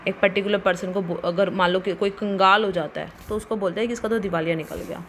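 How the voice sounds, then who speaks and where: A woman's voice: mid-range voice, steady tone, fast, fairly bright tone, slight background noise. A woman teaching a commerce lesson, explaining step by step and answering her own questions. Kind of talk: classroom lecture.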